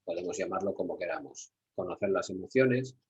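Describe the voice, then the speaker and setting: A man's voice: low voice, expressive, a little fast, husky, muffled recording. A middle-aged man from Spain with a Spanish accent, lecturing at a workshop for security staff, repeating key words and asking rhetorical questions. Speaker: security trainer.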